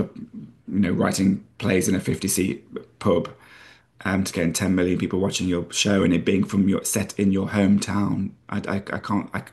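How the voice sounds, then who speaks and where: Deep-voiced Nottinghamshire man, animated. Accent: North Nottinghamshire. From Nottinghamshire, England. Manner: enthusiastic, fast, many restarts and repeated words. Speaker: playwright and TV screenwriter guest. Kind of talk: casual interview chat.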